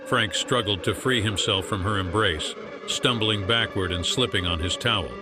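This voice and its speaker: A man narrating a science fiction audiobook in a measured storytelling delivery, over music. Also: fairly low pitch. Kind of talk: scripted narration.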